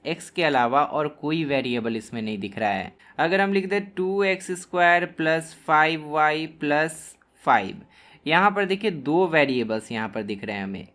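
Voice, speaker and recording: Man teaching maths, slow and deliberate. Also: on the high side, a bit bright. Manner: slow, deliberate, dictating terms as he writes. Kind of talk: classroom lesson explaining at a board.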